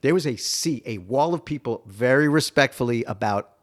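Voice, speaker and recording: A middle-aged man hosting a podcast, telling stories in a chatty, animated way. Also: medium pitch, normal speed. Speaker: podcast host. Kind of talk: casual conversational interview.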